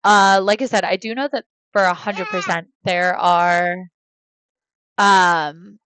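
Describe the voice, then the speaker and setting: An American woman in her thirties streams a life-sim game from a room at home, chatting casually and rambling hesitantly with lots of fillers, and she speaks to her kids between points. Her voice is fairly low and a bit bright, clear and resonant, with fairly even intonation and a slow pace. The recording is dry.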